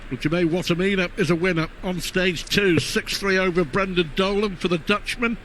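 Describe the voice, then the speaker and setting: A man's voice: sits high, steady tone, moderate pace, fairly bright tone. A man giving conversational live commentary on a darts match. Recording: clear venue noise behind commentary.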